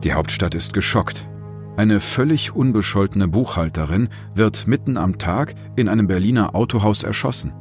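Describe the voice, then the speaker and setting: A very low male voice delivers scripted true-crime narration. He builds suspense with short, pointed, dramatic phrases, and music plays faintly behind him. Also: animated, normal speed.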